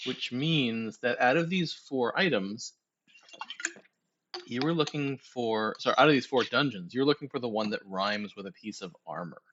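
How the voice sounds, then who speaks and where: A man's voice: mid-range voice, a bit bright. Male stream host, easygoing and jokey, explains rules plainly; slightly muffled, lo-fi stream audio. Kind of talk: casual game stream chat.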